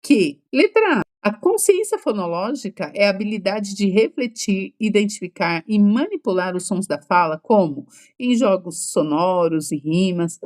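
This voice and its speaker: A woman's voice: mid-range voice, lively intonation, moderate pace, few pauses, darkish tone. A woman with a Brazilian accent teaching an exam-prep lecture in a conversational, explanatory way. She keeps checking in with listeners with "tá?" and "né?". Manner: checks in constantly with "tá?" and "né?".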